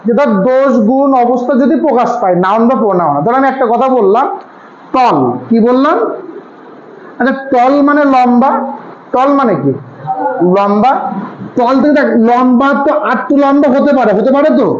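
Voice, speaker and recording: A man's voice: very high voice, moderate pace, slight background noise. A man tutoring a class on grammar, asking his students questions and answering them himself. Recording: echoey room, slightly dull sound.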